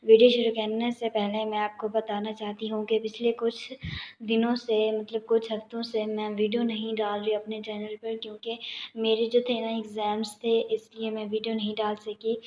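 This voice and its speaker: A woman's voice: on the high side, completely flat delivery. Young woman recapping a drama, roomy and dull. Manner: chatty, with frequent fillers. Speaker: channel host. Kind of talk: casual drama episode recap.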